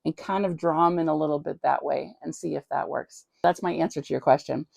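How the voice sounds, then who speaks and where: In a low, darkish voice with vocal fry, a tabletop game master and channel host answers a viewer's question, talking fairly quickly with fairly even intonation. She stays chatty and conversational, thinking aloud as she goes. The recording is dry.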